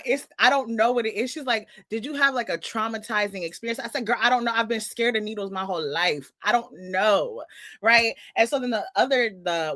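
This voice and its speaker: A woman's voice: on the high side, no echo. A woman in her twenties co-hosting a podcast, chatting casually and acting out dialogue as she tells stories. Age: 20s. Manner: animated storytelling, acts out dialogue. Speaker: podcast co-host. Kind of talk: casual chat.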